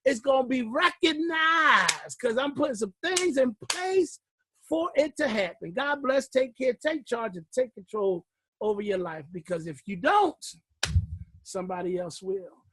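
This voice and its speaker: A fiery, preacher-like man with a high voice leads a class, booming out lines, then dropping to a low murmur. He sounds short of breath. The sound is close and dry, with no room around it. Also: animated, measured pace, slightly rough, dry recording. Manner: fiery preacher-like delivery, swinging from loud shouts to low murmurs. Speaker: class leader. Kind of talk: motivational teaching call. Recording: recorded call.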